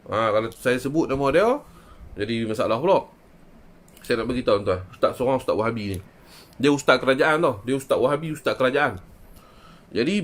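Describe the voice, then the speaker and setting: Speaking with a northern Malaysian Kedah accent, a traditional Islamic healer talks to viewers on a live stream in a voice on the high side. He addresses his listeners directly and keeps throwing out rhetorical questions.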